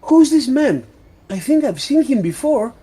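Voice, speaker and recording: A man voicing a curious, excited little girl who asks eager questions. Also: very high-pitched, a little slow, breathy edge, pitched above the performer's own voice, full character voice.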